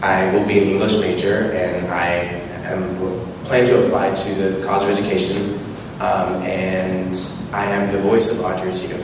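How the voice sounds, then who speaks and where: A young man from North Carolina speaks in a deep, even voice with little rise and fall, slightly hesitant. He is heard from afar in an echoey room with background noise. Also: moderate pace, recorded from a distance. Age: young adult. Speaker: cast member. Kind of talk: short self-introduction.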